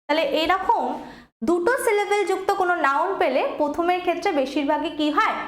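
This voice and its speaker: A woman's voice: extremely high pitch, brisk, roomy sound. A woman teaching an online English lesson, patiently repeating points and checking that students follow.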